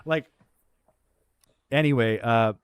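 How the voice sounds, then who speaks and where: A man's voice: medium pitch, slow pace, clear, resonant tone, no echo. A man speaks as a guest in candid, casual conversation, his voice sitting in an ordinary middle range. He tells his stories bluntly, swearing freely. The sound is dry, with almost no room around it. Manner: blunt, profane, animated storyteller.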